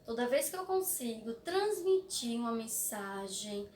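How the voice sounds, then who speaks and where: A young woman with a Brazilian Portuguese accent teaching a recorded class for young children, slow and clear with a sing-song way of stretching words. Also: a little high, big pitch swings, a little mellow, recorded from a distance, slight background noise. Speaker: primary school teacher. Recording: echoey room, voice off-mic.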